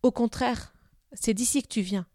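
A woman reading aloud and voicing a calm, impassive chief who talks steadily. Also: on the high side, moderate pace, no echo, studio quality, close to an everyday voice. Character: calm male Comanche chief, older, impassive.

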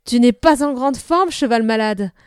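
A woman voicing an eager young boy in a storybook reading, talking loudly and brightly. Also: a little high, moderate pace, smooth, no room sound, studio quality, close to an everyday voice. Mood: excited.

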